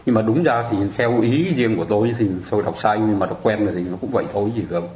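Man, Buddhist teacher, patient and chatty explainer, low relaxed voice, roomy echo. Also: fast. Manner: patient, explanatory, keeps asking listeners to agree. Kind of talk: conversational teaching on mudras and mantras.

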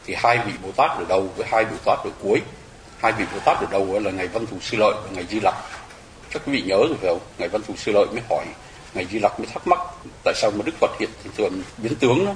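A man gives a dharma talk at a quick clip, explaining terms and turning to his listeners with rhetorical questions. His voice rings in a roomy, echoey space. A faint ambient hum sits behind him. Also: fairly low pitch. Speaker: Buddhist monk teacher. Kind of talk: dharma talk to lay followers.

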